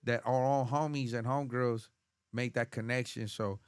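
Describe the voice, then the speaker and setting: A man from Inglewood, California, hosting a casual interview with relaxed, slangy, playful questions. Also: medium pitch, normal speed, clean tone, dry recording, studio quality. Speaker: podcast host.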